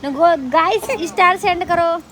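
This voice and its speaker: A woman chatting on a live stream in a very high, light voice. She greets and thanks viewers one after another and coos to a small child. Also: a little slow, bright, forceful tone, a faint crowd, slight background noise.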